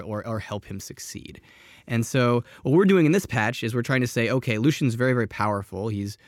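A man's voice: mid-range voice, no room sound, studio quality. A man in a casual panel discussion, explaining at length in an earnest way with frequent restarts. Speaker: game designer.

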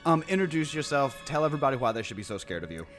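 Lively-pitched man co-hosting a podcast. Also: racing, faint music behind. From Memphis, United States. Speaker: podcast co-host. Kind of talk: casual interview chat.

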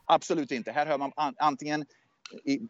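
A man's voice: fairly high pitch, steady tone, highs cut off. A man in casual political chat, speaking as a US correspondent, often hesitant, repeating and restarting his words. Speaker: USA correspondent. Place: southwestern USA.

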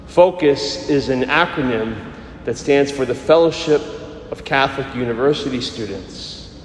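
Man, priest, sermon, measured delivery, echoing church, long reverb. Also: medium pitch, slight background noise. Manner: measured, slowing down for emphasis. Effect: echoing church acoustics. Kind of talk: gospel reading and sermon. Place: large church.

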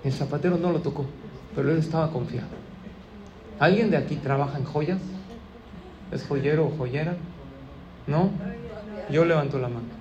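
Un rabino con acento mexicano que da un sermón contando una historia con moraleja y hablándole directamente al público. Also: male voice, on the high side, normal speed, pauses often, muffled recording, noisy background. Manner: lively storyteller, addresses audience directly. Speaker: rabbi. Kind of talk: sermon with a moral story.

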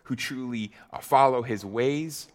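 A man preaching a sermon on a psalm in a slow, deliberate way, with frequent fillers and repeated phrases. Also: medium pitch, in a large hall.

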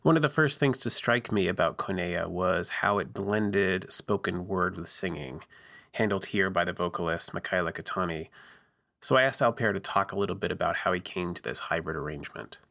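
A man's voice: deep voice, a little fast, gravelly, sharp tone. A man hosting a podcast, reading scripted narration from a makeshift booth in a home basement with some basement echo. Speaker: podcast host.

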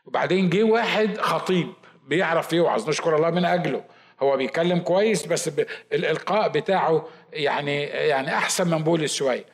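Fast, animated Egyptian pastor. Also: male voice, on the high side. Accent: Egyptian Arabic. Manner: fast, animated, with asides and mock quotes; says he shouts and talks fast. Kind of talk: Bible study sermon.

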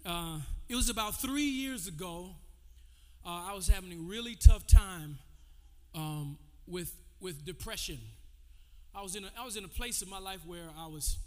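A man in his forties preaching to his congregation, his voice sitting high. He moves between call-and-response and a loose, conversational telling of his testimony. The sound rings out with a long reverb from the church hall. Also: normal speed, warm tone. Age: 40s. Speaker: pastor. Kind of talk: sermon. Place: church sanctuary.

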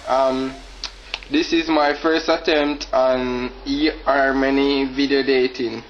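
A man talking haltingly and nervously to camera in a comic video dating clip. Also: medium pitch, little pitch movement. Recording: dull lo-fi clip with faint noise.

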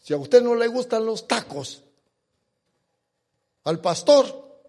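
A male pastor delivers an emphatic sermon in a high, widely swinging voice. He speaks slowly, drawing out key words and firing rhetorical questions at the congregation. His voice rings with the long reverb of a church hall. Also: lively intonation, mellow.

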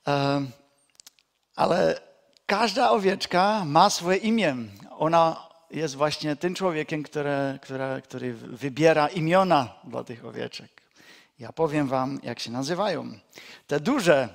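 A man preaching a sermon as a pastor, slow and deliberate, repeating key phrases and dropping to a quiet, low voice for emphasis, with touches of folksy storytelling. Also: vocal fry.

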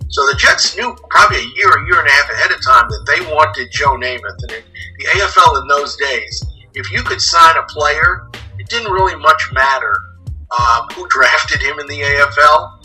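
A man's voice: fairly high pitch, expressive, normal speed, pushed and bright, soft background music, rough recording. A man in his sixties from New York, an author telling detailed stories about old games as a guest. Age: 60s. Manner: detailed, anecdotal storyteller. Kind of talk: interview, storytelling.

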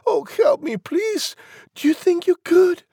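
A man voicing a small, clever, frightened storybook pig with an excitable squeal. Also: very high-pitched, a little slow, creaky, dry recording, clean studio sound, pitched above the performer's own voice, exaggerated voice. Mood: panicked. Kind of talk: animated storybook character acting.

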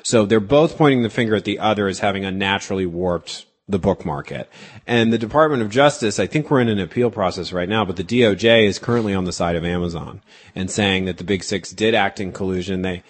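Low-voiced, wry male novelist. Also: breathy edge. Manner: animated, wry storyteller with quick asides. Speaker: novelist guest. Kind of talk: casual interview chat.

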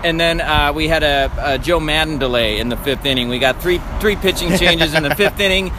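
Male sports podcast co-host, slightly high voice, casual recap delivery. Low-quality outdoor audio, clear traffic noise. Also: a little fast. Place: outdoors walking along a busy city street at night. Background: passing traffic.

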